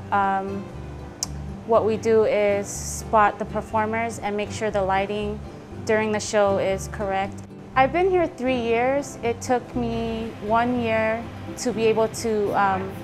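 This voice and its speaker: Young fiji woman, student on the lighting crew, soft with lots of ums, music playing under. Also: medium pitch. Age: young adult. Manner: soft-spoken with frequent "um" fillers. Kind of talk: documentary interview.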